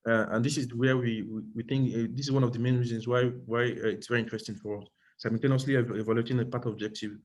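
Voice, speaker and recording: A man giving an academic thesis defense presentation as a doctoral candidate, speaking in a hesitant, halting way and often repeating and rephrasing himself. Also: mid-range voice, fairly even intonation.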